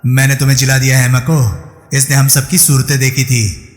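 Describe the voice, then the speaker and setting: A man's voice: medium pitch, flat delivery, moderate pace, lightly acted. A man voicing a ruthless male criminal who talks in a cold, sneering, menacing way. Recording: echoey room with long reverb.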